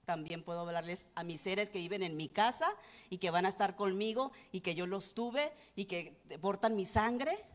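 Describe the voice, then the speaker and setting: A woman's voice: medium pitch, moderate pace. A middle-aged woman pastor, giving an earnest, confessional testimony sermon. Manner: earnest, confessional, rising and falling with emotion.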